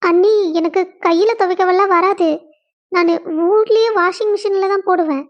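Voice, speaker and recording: A woman's voice: very high voice, fairly even intonation, moderate pace, muffled recording. Woman doing a whiny young sister. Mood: protesting. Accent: Kongu Tamil. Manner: whining, near tears.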